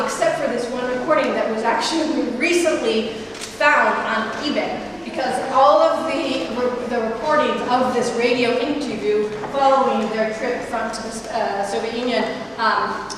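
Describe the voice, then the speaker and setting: The speaker is a woman in her thirties, a curator guiding visitors around a large indoor gallery; she's chatty, restarts often, says um a lot, and gestures as she walks. A far-off camera records her higher-side voice coming through a handheld mic and loudspeaker, amid background noise and heavy echo.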